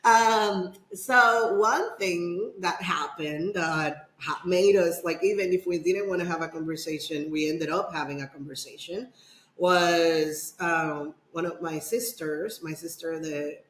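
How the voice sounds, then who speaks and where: A middle-aged woman from the Dominican Republic, a guest on a podcast, tells a rambling personal story in an echoey room. Her voice is lowish, fairly even in intonation and measured in pace, and she uses many fillers and restarts.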